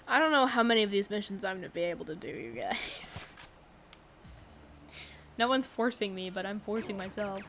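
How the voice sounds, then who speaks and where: A woman's voice: mid-range voice, moderate pace, pauses often, fairly bright tone, a little hiss or hum. A woman chatting casually while streaming a game, tired and yawning, rambling with lots of fillers and giggles.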